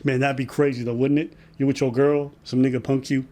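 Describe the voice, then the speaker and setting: A man hosting a casual podcast, reacting to a video with joking, profane, animated commentary. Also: mid-range voice, a little fast. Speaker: podcast host.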